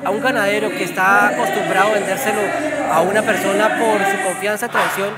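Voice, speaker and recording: A man's voice: sits high, steady tone, fairly quick. A man with a Colombian accent explaining things in an interview as a cattle auction representative. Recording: loud music and crowd noise behind. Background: loud music, crowd.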